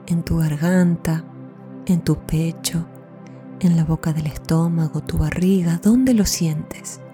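Casting: female meditation guide, very dark velvety tone, lowish pitch, soothing and unhurried. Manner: soothing, gentle, unhurried delivery. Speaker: podcast host and meditation guide. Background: soft new-age music.

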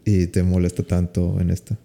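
A man in relaxed casual conversation, calmly asking questions and debating. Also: low-pitched, moderate pace, vocal fry. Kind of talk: casual chat.

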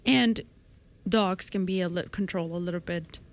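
A woman's voice: on the low side, normal speed. Twenty-something woman explaining science casually. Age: 20s. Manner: explains a study step by step in a conversational way. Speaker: podcast co-host presenting science news.

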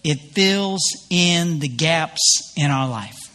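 Brief: male pastor, sermon, slightly high voice, chatty and self-mocking, long church reverb. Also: lively intonation, slow, bright, forceful tone. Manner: conversational preaching, many fillers and restarts, self-deprecating humor. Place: church sanctuary.

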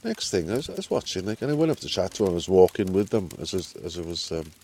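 A man's voice: low-pitched, very animated, fast, dark tone, husky. A man from Wales with a Welsh accent, casually telling anecdotes outdoors. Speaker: visiting angler.

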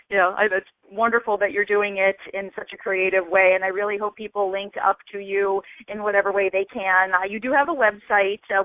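Woman hosting a radio chat, kinda halting, dry tinny sound. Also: medium pitch, dry recording. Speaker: radio show host. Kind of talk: conversational radio interview.

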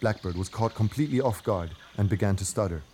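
A man's voice: lowish voice, quick pace, dark tone, slight background noise. A man narrating a scripted children's adventure story.

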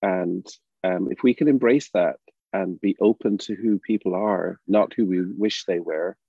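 Older Northern Irish man, gravelly voice. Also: deep voice, no echo, narrow, tinny audio. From Northern Ireland. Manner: thoughtful, halting, many restarts and fillers. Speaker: drama educator guest. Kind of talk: reflective interview talk.

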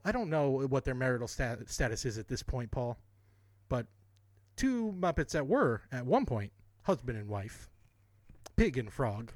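A man's voice: mid-range voice, no echo. A man co-hosting a podcast in casual chat, rambling and correcting himself as he goes, often laughing. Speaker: podcast co-host.

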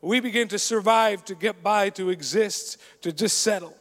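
High-voiced preacher in an echoing hall. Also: male voice, moderate pace, fairly bright tone. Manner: conversational storytelling, earnest. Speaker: pastor. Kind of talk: sermon. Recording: long reverb of a large hall.

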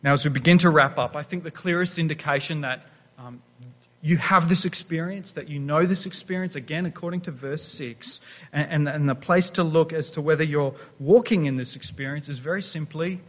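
A man in his thirties preaching a sermon in a church, animated and emphatic, with his voice rising on key points. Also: on the high side, normal speed. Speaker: pastor. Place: church sanctuary. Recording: long reverb of a large church hall.

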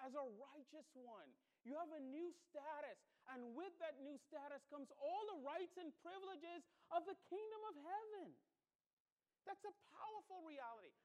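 A middle-aged Bahamian pastor with a very high, slightly mellow voice preaches and tells personal stories, heard over poor audio. He's emphatic, repeating phrases and asking rhetorical questions.

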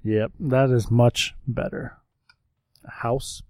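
A man's voice: medium pitch, steady tone, slow, mellow, no echo. A man co-hosting a casual snack-review podcast, joking and laughing often. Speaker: podcast co-host.

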